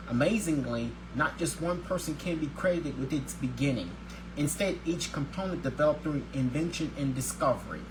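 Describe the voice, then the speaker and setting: Upbeat man reading, noisy recording. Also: fairly high pitch. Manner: reads with stumbles and restarts; upbeat and religious. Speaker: host of a daily video show. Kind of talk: scripted daily video show, partly read aloud.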